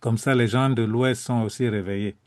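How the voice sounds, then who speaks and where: A man's voice: mid-range voice, fairly even intonation, moderate pace, no room sound. A man chatting casually on a call, rambling a little and rewording his points as he explains. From francophone, living in the United States. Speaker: meeting participant. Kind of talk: casual chat.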